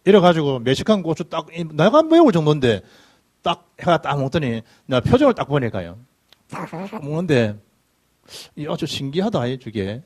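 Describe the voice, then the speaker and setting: A middle-aged pastor preaches in a church, sliding between loud bursts and low asides as his pitch rises and falls. His voice has a husky edge, and his storytelling is lively and full of dialect. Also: moderate pace. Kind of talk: sermon with personal anecdotes. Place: church sanctuary.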